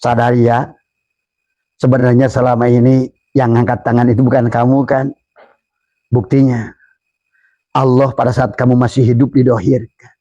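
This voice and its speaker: An older man preaching a sermon, animated, jumping into loud high voices when he quotes others. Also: normal speed, pauses often, dry recording, lo-fi sound. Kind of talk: Sufi sermon.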